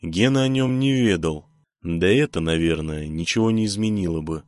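A man narrating an audiobook in an expressive way. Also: low voice, normal speed, dry recording.

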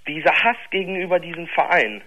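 A man's voice: fairly high pitch, animated, a little fast, pushed and bright, lo-fi sound, slight background noise. A nineteen-year-old man from Germany calling in to a radio show, hesitant and searching for words. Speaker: caller. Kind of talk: phone-in conversation.

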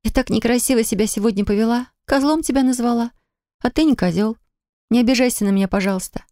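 A woman's voice: on the high side, fast talker, dark tone, no echo, studio quality, voice pushed up, natural voice. A woman reading an audiobook, voicing a young woman who has just given birth, emotional, tearful and apologetic.

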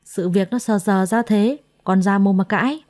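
A woman voicing a quick-tempered young master who barks curt, scolding orders in a storybook reading. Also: medium pitch, a little mellow, dry recording, clean studio sound, close to an everyday voice. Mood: angry.

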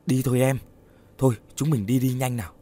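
A man's voice: mid-range voice, steady tone, a little fast, dark tone, natural voice. A man voicing the determined ghost of a young husband in a storybook horror tale. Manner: urgent, determined.

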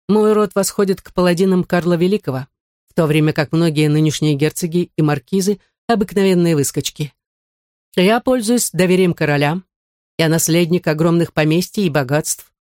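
A man's voice: fairly high pitch, normal speed, a little mellow, no echo, studio quality, lightly acted. A man reading an audiobook, playing a proud, sarcastic dwarf count. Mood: haughty. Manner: haughty, sarcastic.

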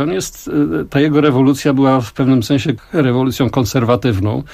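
An older man with a mid-range voice talks thoughtfully in a radio studio interview. He weighs his words and pauses often as he explains his craft. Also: medium pitch, darkish tone. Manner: reflective, measured, with frequent pauses. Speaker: song translator and musician, guest.

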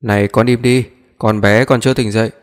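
A sharp-tongued older mother scolds her son, voiced by a man reading an audiobook. Her voice is plain and middling in pitch. A long reverb trails behind it. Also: steady tone, brisk, lightly acted. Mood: scolding.

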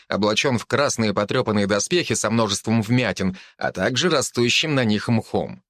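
A man reads a fantasy novel aloud in a steady storytelling voice at a middling pitch. The recording is dry and close, with no room echo. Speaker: narrator. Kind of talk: audiobook narration.

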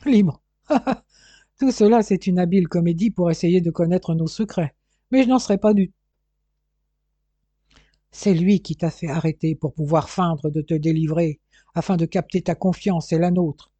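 A man reading an audiobook, voicing a bitter, scornful older male gem dealer who talks sarcastically and forcefully. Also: a little high, fairly even intonation, normal speed, slightly rough, no echo, lo-fi sound.

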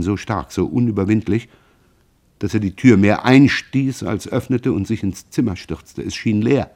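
A man reading a novel aloud in a studio, measured and emotionally charged. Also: mid-range voice, a little mellow. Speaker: reader. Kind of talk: dramatic audiobook reading of a novel. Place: radio studio.

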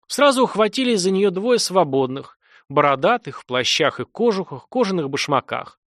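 Male audiobook narrator, animated delivery, dry booth. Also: high-pitched, normal speed, no room sound. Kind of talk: scripted dramatic narration.

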